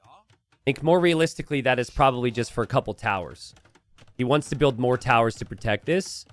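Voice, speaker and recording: A man giving live esports commentary on a strategy game as a caster, drawing out key phrases for emphasis. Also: mid-range voice. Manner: esports caster delivery, stressing key phrases with drawn-out words.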